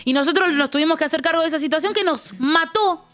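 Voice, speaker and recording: High bright-voiced Argentine woman ranting. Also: fast talker, faint music behind. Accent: Argentine Rioplatense Spanish. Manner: angry, vulgar ranting storytelling. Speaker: radio co-host. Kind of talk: casual radio chat. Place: radio studio.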